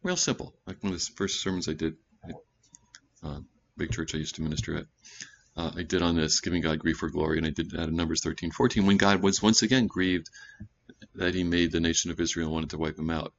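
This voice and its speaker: A male pastor giving a conversational sermon, breaking into loud emphatic bursts and correcting himself as he goes. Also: deep voice, fast, gravelly, dull audio, a little hiss or hum. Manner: animated preaching with sudden loud emphatic bursts; conversational asides and self-corrections.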